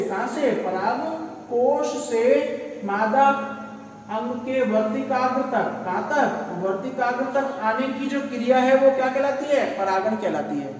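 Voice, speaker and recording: A man's voice: extremely high pitch, slight background noise. A man teaching a biology class in Hindi. He keeps asking his students questions and answers them himself, repeating key terms. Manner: addresses students as "beta". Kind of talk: classroom lecture. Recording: echoey room, voice from far off.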